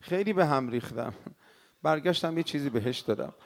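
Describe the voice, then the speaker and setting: A male cleric telling a mournful story in a sermon, swinging from hushed words to crying out. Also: fairly high pitch, lively intonation, vocal fry. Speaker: cleric preacher.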